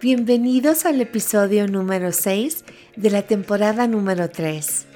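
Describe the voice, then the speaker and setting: A woman hosting a podcast, telling personal stories in a reflective, gently humorous way. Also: medium pitch, measured pace. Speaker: podcast host. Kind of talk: personal storytelling monologue. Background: faint background music.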